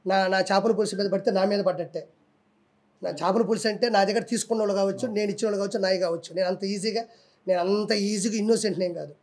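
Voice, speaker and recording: A man's voice: high voice, steady tone, fast, darkish tone. A man, speaking combatively and defiantly in a heated political interview.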